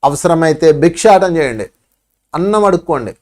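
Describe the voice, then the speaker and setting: A man's voice: on the high side, animated, moderate pace, a little mellow. A man with a Telugu accent giving a spiritual talk, acting out pleading voices to make his points. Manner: preachy, acts out pleading voices. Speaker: spiritual teacher.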